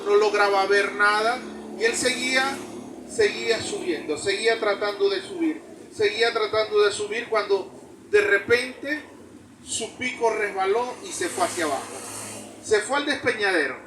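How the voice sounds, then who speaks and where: A man preaching a sermon, telling a story slowly and with many repetitions. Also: high-pitched. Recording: distant mic with background noise.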